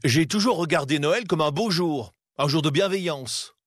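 A man voicing a cheerful, warm-hearted young nephew who speaks with enthusiasm. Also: fairly high pitch, big pitch swings, slow, dry recording, clean studio sound, voice pushed up, exaggerated voice. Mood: earnest.

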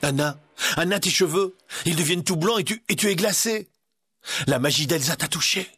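A man's voice: medium pitch, fast, a bit bright, slightly rough, no echo, clean studio sound. A man voicing a blunt, loyal young mountain man who speaks urgently, in a storybook recording. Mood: alarmed. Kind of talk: storybook audio acting.

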